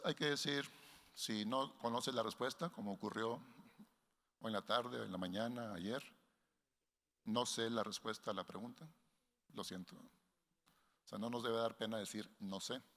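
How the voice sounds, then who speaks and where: A man giving a workshop lecture to researchers in a measured way, often restarting phrases and linking ideas with "entonces". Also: on the low side, fairly bright tone. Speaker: workshop instructor. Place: conference hall. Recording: long hall reverb.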